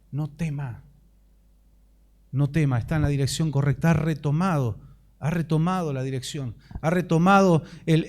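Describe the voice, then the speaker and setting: A man's voice: on the high side, darkish tone. A man preaching a sermon as pastor, impassioned and rising into fervent prayer.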